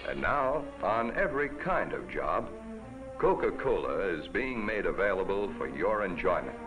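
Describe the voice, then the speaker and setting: Man, 1950s TV commercial voice-over: low, lively, folksy salesman read. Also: moderate pace. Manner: folksy, upbeat pitchman. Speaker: commercial announcer. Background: music.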